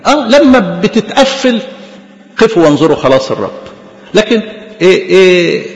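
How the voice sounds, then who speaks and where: Fast, high-voiced Egyptian preacher in a reverberant hall. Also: male voice, sing-song. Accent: Egyptian Arabic. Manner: impassioned, addresses listeners as beloved. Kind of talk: sermon. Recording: dull lo-fi recording with long reverb.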